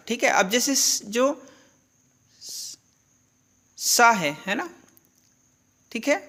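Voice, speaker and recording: A woman's voice: on the high side, a bit bright. A woman teaching a grammar lesson, who asks questions and answers them herself and repeats the key terms. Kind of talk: classroom-style lesson.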